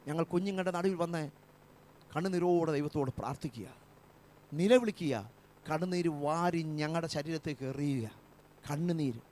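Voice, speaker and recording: Fervent higher-voiced male pastor preaching. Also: darkish tone, a little hiss or hum. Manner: fervent preaching with repeated phrases. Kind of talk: sermon. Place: church.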